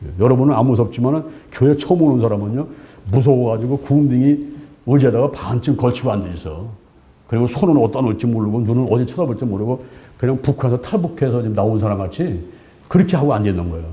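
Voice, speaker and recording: Lively, mellow-voiced male pastor preaching. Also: medium pitch, fast talker. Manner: animated, acts out little scenes in voices; colloquial, asks the congregation "예?" often. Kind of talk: sermon.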